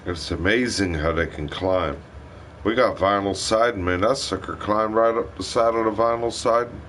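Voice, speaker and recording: A man with a low voice talks casually on a livestream. He rambles loosely from one thought to the next and drops in the odd swear word. A faint hum sits behind him. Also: moderate pace, a bit bright. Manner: rambling, profane storytelling. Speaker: livestream host.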